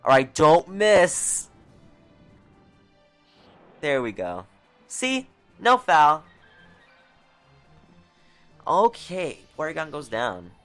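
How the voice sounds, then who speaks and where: New York accent, game commentary, animated swings in pitch, faint music behind. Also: extremely slow, long pauses. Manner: excitable, exasperated running reactions. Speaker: let's player. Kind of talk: video game playthrough commentary.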